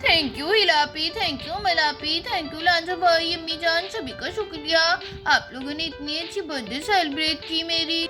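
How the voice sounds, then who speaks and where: A woman's voice: very high voice, a little slow, few pauses, music in the background. Woman voicing pouty spoiled little sister. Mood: grateful. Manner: pouting, demanding. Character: sulky spoiled younger sister, birthday girl.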